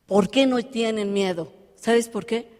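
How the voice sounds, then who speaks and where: Lively woman telling a story in a hall. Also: fairly high pitch, a little slow. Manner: lively storytelling, acts out quoted dialogue. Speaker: motivational speaker. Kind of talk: live motivational talk. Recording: long hall reverb.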